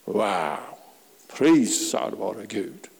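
A man preaching a fervent sermon to a congregation, calling out hallelujahs and sometimes rising to a shout. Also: fairly low pitch, sing-song, vocal fry, husky, big-room sound. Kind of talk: charismatic sermon. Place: church.

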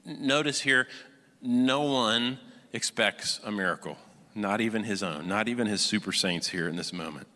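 A male preacher delivering a sermon, moving between loud emphatic stretches and quiet prayerful ones. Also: on the low side, moderate pace. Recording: long hall reverb.

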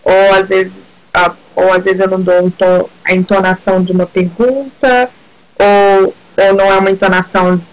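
A woman's voice: medium pitch, flat delivery, normal speed, rough recording. A middle-aged woman from Brazil, a guest in a casual interview, talking hesitantly with many restarts and mixing in English words.

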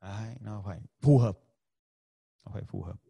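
A man leads a livestreamed lesson to his viewers, a touch of fry running through his voice. He talks in a chatty, demonstrative way, acting out sample phrases and laughing often. The sound is dry and close, with little room around it. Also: on the low side, moderate pace, mellow, no room sound. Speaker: communication skills teacher.

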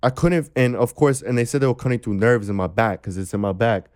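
A young man tells his story in a smooth, clear voice that stays close and dry. He talks in a loose, animated way, jumps into the voices of the people in his story and swears freely. The feel is a casual chat among friends. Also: mid-range voice, quick pace, no room sound. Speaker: guest telling his story.

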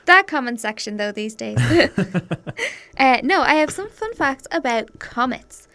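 A young woman co-hosting a science show in casual chat, with a bright, curious, enthusiastic and giggly manner. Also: high voice, expressive, a little slow.

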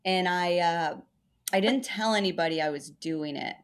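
A woman's voice: on the low side, normal speed. A woman comedian from Texas, in her thirties, telling her story in a chatty, self-deprecating way during an interview. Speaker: stand-up comedian.

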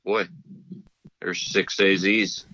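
A middle-aged fishing guide talking on speakerphone in an easygoing, folksy way, chatting casually on a podcast. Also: male voice, low-pitched, level tone, slow pace, bright, forceful tone. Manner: easygoing, folksy, laughs often. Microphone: phone on speaker. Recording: dull speakerphone line.

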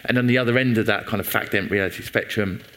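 A British TV commissioner at a panel, talking haltingly with many fillers and self-deprecating asides. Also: male voice, fairly low pitch, a bit bright. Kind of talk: panel talk.

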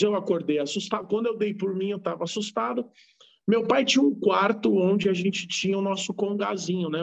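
Gravelly high-voiced man telling a story. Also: dull audio. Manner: loose, rambling, with slang and many restarts. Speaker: guest. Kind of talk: casual storytelling in a live chat. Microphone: video call.

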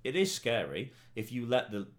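A man's voice: mid-range voice, sing-song, moderate pace. A man hosting a casual gaming podcast, chatty and jokey, asking his guests questions. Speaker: podcast host.

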